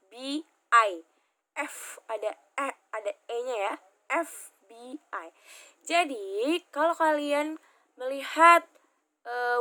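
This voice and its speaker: A woman's voice: fairly high pitch, bright, forceful tone. A young woman with an Indonesian accent, teaching an English grammar lesson. She repeats and spells out the example words as she goes.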